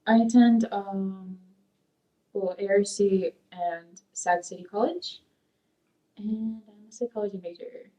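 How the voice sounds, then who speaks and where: Seated in a dark studio, a young woman from Peru who grew up in Sacramento gives hesitant, wandering answers with many fillers to oral history questions. She speaks slowly in a warm, mid-range, fairly even voice, distant from the mic on a rough recording.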